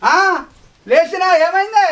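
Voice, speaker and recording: A man's voice: very high voice, lively intonation, a little slow, a bit bright, heavily acted. A man playing a weary, placating village husband. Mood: exasperated. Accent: Telangana Telugu. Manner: placating, exasperated. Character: weary, peace-keeping village husband and farmer. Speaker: village father-in-law. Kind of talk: village short-film acting. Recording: background music under dialogue. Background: film music.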